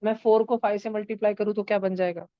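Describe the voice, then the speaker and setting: A woman's voice: mid-range voice, fairly even intonation, quick pace, no room sound, highs cut off. A woman teaching a math lesson to children in an online class, turning numbers into story characters and acting out their lines. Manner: playful, acts out number characters in voices.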